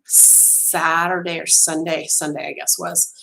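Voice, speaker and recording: Speaking deep and flat, a little slowly, with a creaky, pushed, bright quality, a middle-aged woman livestreams from her small home craft room on a rough recording. She is losing her voice but chats casually on webcam, restarting often, saying um a lot, and talking with her hands.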